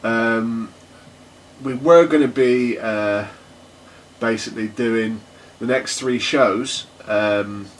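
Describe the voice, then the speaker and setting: A man's voice: medium pitch, takes it slowly, far from the mic, slight background noise. A man co-hosting a casual tech podcast, talking in a rambling, hesitant way with lots of fillers and laughs. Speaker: podcast co-host. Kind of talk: casual chat.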